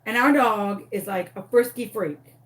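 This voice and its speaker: A woman's voice: mid-range voice, a little slow. A woman, a craft vlogger dramatically retelling a story with emphatic repeats. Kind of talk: animated storytelling.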